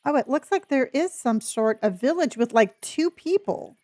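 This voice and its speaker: With a high, slightly mellow voice, lively intonation and a moderate pace, a woman chats casually with her viewers as she games on stream. She calls them honey and has a speech impediment that stops her pronouncing R's.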